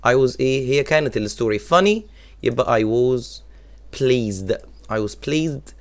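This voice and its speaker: A young man with an Egyptian Arabic accent teaching an English revision lesson. He reads each English sentence slowly and clearly, then explains it quickly in Arabic. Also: medium pitch, lively intonation.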